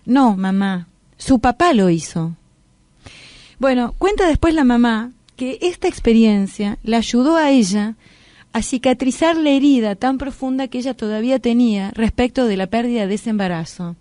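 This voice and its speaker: A middle-aged woman with a Rioplatense accent, hosting a radio talk show and retelling a story with lively acted-out quotes. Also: a little high, moderate pace, no room sound. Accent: Rioplatense Spanish. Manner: animated storyteller who acts out quoted voices.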